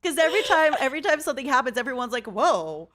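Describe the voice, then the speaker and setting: A woman's voice: high voice, very fast, background noise. A young woman streamer chatting casually, acting out what people said as she tells a story. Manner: animated storytelling, acting out quotes. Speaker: streamer host. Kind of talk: casual chat.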